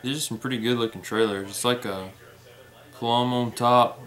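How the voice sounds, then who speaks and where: A young man casually unboxing fishing tackle at a table indoors, unhurried, naming each item as he opens it. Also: mid-range voice, steady tone, noisy background. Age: young adult. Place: indoor room at a table with plants. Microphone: camera in front at table distance.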